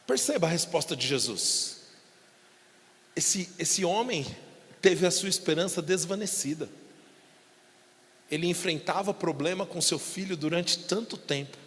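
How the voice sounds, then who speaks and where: A man from Brazil with a São Paulo accent, preaching a sermon as pastor, dramatically acting out biblical dialogue and rising to shouts. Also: high voice. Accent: São Paulo Portuguese. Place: church hall. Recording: long church hall reverb.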